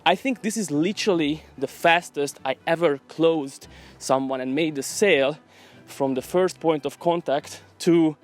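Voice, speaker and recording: A man's voice: a little high, a little slow, few pauses, faint music behind. A man talking casually to camera in a vlog while walking outdoors, in an upbeat, salesy, chatty way. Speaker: vlogger.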